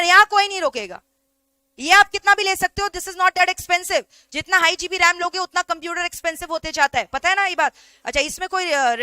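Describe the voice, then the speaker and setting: A woman's voice: extremely high pitch, bright, forceful tone, no echo. An Indian woman teacher giving an online lecture in a chatty way, often checking whether her students follow.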